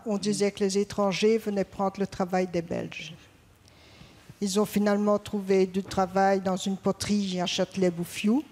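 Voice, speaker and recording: An older woman from Belgium reading a personal testimony in a plain, steady way. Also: mid-range voice. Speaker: church member giving testimony. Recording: long church reverb.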